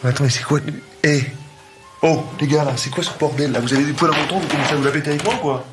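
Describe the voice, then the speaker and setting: An actor playing a loud, bossy young man who demands respect as the eldest, shouting confrontationally. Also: on the high side, fairly even intonation, quick pace, natural voice. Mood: indignant. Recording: film clip, roomy, loud music behind.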